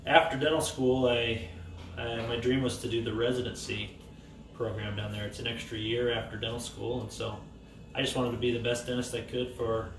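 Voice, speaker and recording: A young man from Idaho who is a dentist, answering interview questions in a friendly, relaxed way inside a small dental office. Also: medium pitch, normal speed, noisy background. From Idaho, United States. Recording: echoey room, mic at a distance.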